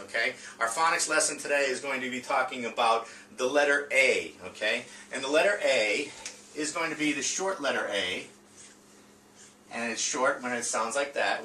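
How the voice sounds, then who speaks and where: A male teacher demonstrates a read-aloud phonics lesson, speaking informally and without a script. His medium-pitched voice is bright and forceful, and he halts often, stammering through repeated words and checking in with his listener. The mic sits at a distance in a roomy space, picking up faint noise.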